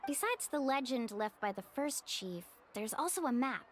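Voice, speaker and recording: Game casting: an eager young female guide, high and very lively, earnest and upbeat. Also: moderate pace, slight background noise. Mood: nervous, explaining. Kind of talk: video game voice acting.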